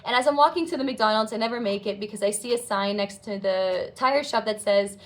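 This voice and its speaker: A woman's voice: medium pitch, a little fast. A woman in her twenties telling a personal story in an earnest, heartfelt, reflective way. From United States. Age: 20s. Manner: earnest, heartfelt, reflective, acts out quoted dialogue. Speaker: vlogger.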